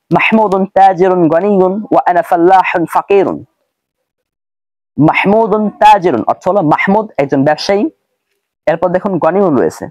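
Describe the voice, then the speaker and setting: A man teaching an Arabic textbook lesson, translating slowly word by word and explaining each term. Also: a little high, a little mellow, no room sound.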